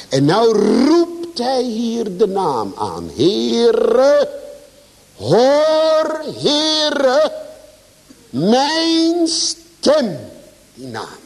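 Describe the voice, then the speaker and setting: A man preaching a sermon to a congregation, swinging his pitch and volume for emphasis. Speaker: pastor. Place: church. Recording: long church reverb.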